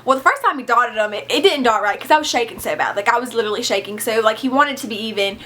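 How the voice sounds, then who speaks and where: A young woman telling a candid storytime in a casual vlog, chatty and animated, swearing freely. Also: fairly high pitch, fast. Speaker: vlogger.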